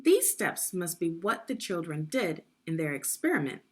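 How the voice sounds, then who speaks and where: At a normal speed and on the low side, a woman's voice rises and falls widely in pitch as she narrates a children's read-along. She is instructive and clear, directing questions to the young audience.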